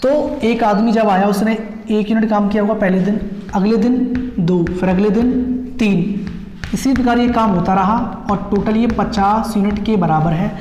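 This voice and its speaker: In an echoey room with a long reverb, a man teaches exam-prep maths at a moderate pace, his voice high, steady and darkish. He walks through each step, repeats the key points and frequently checks in with students.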